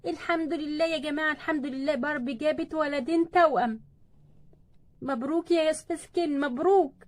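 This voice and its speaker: A woman with an Egyptian Arabic accent voicing a brisk female doctor who scolds and gives orders. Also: sits high, lightly acted. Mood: pleased. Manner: firm and scolding.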